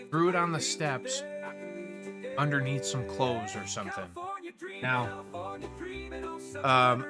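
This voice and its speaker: A man hosting a livestream, telling a rambling story casually, swearing freely and talking to viewers by name. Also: medium pitch. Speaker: livestream host.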